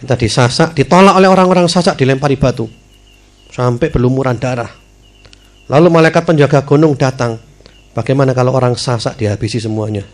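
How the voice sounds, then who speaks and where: A man preaching, telling stories with emotion, his voice climbing high and dropping soft. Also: a little fast, pauses often. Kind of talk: sermon.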